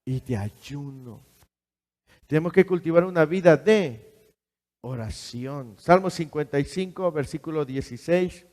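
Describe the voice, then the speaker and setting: Slow, emphatic preaching man. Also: fairly high pitch, darkish tone. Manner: emphatic preaching, rhetorical questions to the congregation. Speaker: pastor. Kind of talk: sermon. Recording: long hall reverb.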